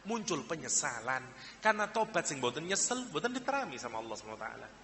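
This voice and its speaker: A man's voice: a little high, sing-song, fast, pushed and bright, in a large hall, a little hiss or hum. A man with a Javanese accent preaching a sermon, telling stories and acting out the people in them. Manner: acts out the people in his stories, mixing in Javanese phrases. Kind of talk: sermon with storytelling.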